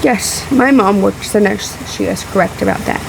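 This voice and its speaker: A woman vlogging a casual, emphatic rebuttal in halting phrases, sounding sick, emotional and a little out of breath, with a fan running in the room. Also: mid-range voice, vocal fry. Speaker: vlogger responding to a video. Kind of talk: casual rebuttal vlog to camera. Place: room in a house. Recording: loud fan noise in room. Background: fan running in the background.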